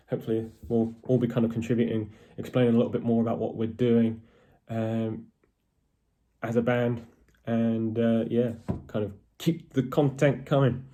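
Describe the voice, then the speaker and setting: A man talks to his band's fans in a casual video update. His tone is mellow and warm, neither high nor low. He rambles along, with plenty of ums and false starts. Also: muffled recording. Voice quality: posh-sounding voice. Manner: rambling, with many ums and restarts. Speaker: metal band member.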